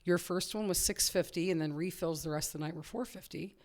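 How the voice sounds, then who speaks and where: A woman's voice: on the low side, fairly quick. A woman, a comedian guest on a podcast, telling stories in casual chat and swearing casually. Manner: animated storyteller, swears casually.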